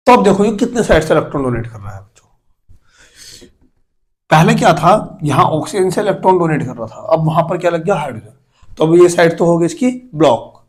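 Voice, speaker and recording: A man teaches chemistry in a fairly high voice. He keeps asking his students questions and counts aloud, step by step, as he draws. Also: poor audio. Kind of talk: classroom lecture.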